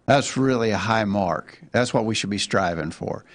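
A man hosting a live Bible study, reading scripture aloud in an earnest, halting way. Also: fairly low pitch, no echo. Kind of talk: casual Bible study talk.

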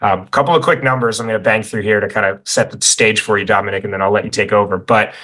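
A man's voice: fairly low pitch, fast talker, poor audio. A man hosting an online conference over a video call, talking energetically with lots of "like"s, a little out of breath. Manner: energetic, filler-heavy with many "like"s. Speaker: conference host. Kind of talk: casual conference talk.

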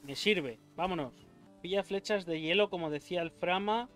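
A young man, doing let's play commentary, excitable and swearing often, yelping when attacked. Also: high voice, normal speed, faint music behind. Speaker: gaming YouTuber.

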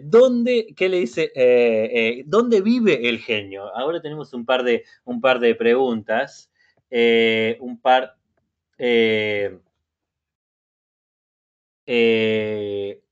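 Give me a male teacher on a video call, mid-pitched voice, muffled sound, encouraging and repetitive. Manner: encouraging, repeats words often. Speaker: language facilitator. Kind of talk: reading a story and quizzing learners. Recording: muffled web meeting audio.

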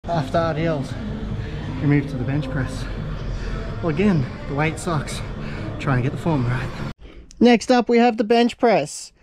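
A vlogger with a fairly high, animated voice casually narrates his gym workout on a handheld action camera, upbeat and self-deprecating. He speaks at a measured pace with long pauses as background music plays. The footage moves from the gym indoors to outdoors by a car.

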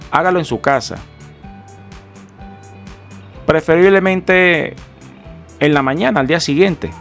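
A middle-aged Venezuelan mechanic with a mid-range voice and a Venezuelan Spanish accent gives an earnest, emphatic car-care lesson in instructional workshop style. He urges viewers directly, repeatedly calling them gentlemen, from a small indoor room at home while wearing a headset mic.

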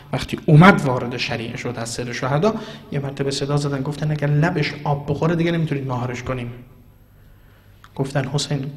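A man delivering a sermon on scripture, his voice at an ordinary middle pitch. He shifts from forceful, raised declamation to quiet, near-whispered asides. A long reverb trails behind him, as in a large hall. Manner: swings from loud emphatic declaiming to hushed asides. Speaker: preacher.

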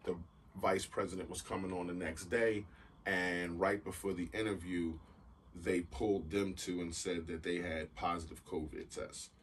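A man's voice: sits low, little pitch movement, moderate pace. A man co-hosting a podcast, chatting casually in a laid-back, rambling way with many fillers. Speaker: podcast co-host. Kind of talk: casual chat. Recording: distant mic with faint noise.

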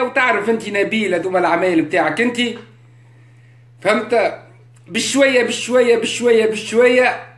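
A man's voice: on the high side, sharp tone. Echoey Tunisian man musing on a livestream. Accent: Tunisian Arabic. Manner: rhetorical, keeps checking understanding, mixes in French. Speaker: live streamer. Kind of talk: casual live-stream monologue. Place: indoors, live on social media. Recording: echoey room.

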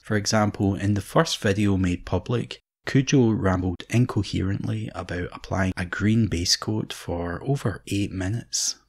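Low husky deadpan male narrator. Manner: measured, deadpan. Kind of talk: scripted deadpan mock-documentary narration.

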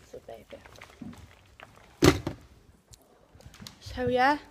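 A young woman chats casually as she vlogs on a handheld phone. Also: extremely slow. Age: teens. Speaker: vlogger. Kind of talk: casual vlog chat. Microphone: handheld phone camera at arm's length. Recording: noisy handheld phone recording.

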